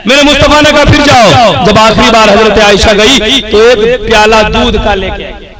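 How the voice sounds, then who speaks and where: High-pitched preacher before a loud crowd. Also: male voice. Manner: storytelling, urging the audience to respond loudly. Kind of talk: devotional sermon to a crowd. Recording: live event with loud crowd.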